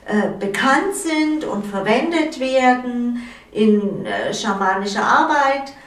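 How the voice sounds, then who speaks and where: A middle-aged woman hosts a calm spiritual chat in a gentle, drawn-out way, pausing often. Her voice sits fairly high. She is heard from a distant mic in a roomy space. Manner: gentle, unhurried, with many pauses and hesitations. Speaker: host. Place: living-room studio with wall hangings. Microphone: far camera.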